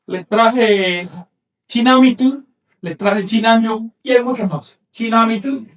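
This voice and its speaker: A man teaching an online class, slowly sounding out words syllable by syllable and correcting common mistakes firmly. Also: extremely high pitch, a bit bright, far from the mic. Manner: slow, emphatic spelling out of syllables; corrective, insistent.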